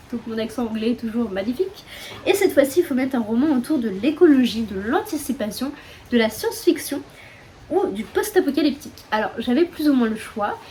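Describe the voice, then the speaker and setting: A woman's voice: fairly high pitch, animated, brisk, dark tone. A young woman with a French accent chatting casually about books at home, with many fillers and self-mocking asides. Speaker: book vlogger. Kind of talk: casual chat. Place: room at home with open windows, storm outside. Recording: faint wind and rain noise. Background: wind and rain.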